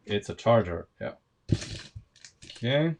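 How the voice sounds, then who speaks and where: A man's voice: medium pitch, sing-song, takes it slowly, noisy background. A man from Slovenia with a Slovenian accent, chatting casually on a live stream while building Lego, thinking aloud with lots of fillers and restarts.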